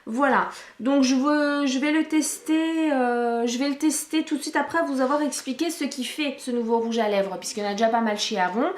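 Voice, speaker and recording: A woman's voice: high-pitched, normal speed, hardly any pauses, roomy sound. A woman chatting casually through a product review vlog, talking with many fillers and restarts into a camcorder microphone.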